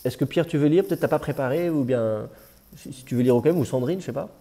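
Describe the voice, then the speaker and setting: A man lecturing to a small class in a relaxed, mellow voice. He walks students through the text step by step and patiently corrects their pronunciation as they read. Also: mid-range voice, quick pace. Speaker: teacher of biblical Hebrew.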